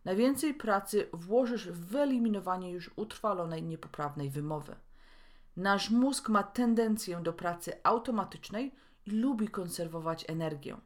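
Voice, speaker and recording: A woman from Poland hosting a podcast lesson, speaking clearly and deliberately and slowing down to model each word. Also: mid-range voice, lively intonation. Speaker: podcast host and English pronunciation teacher.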